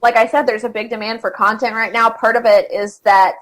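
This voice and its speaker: A woman's voice: on the high side, level tone, brisk, fairly bright tone. A young adult woman talking as an interview guest about freelance writing, chatty, with lots of fillers and restarts. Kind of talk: casual conversational interview.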